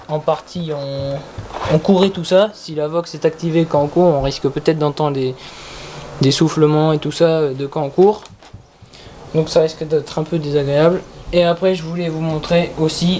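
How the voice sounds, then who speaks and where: A product reviewer talking casually through an unboxing in a halting, repetitive way. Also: mid-range voice, a little mellow. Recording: clearly noisy with handling clicks.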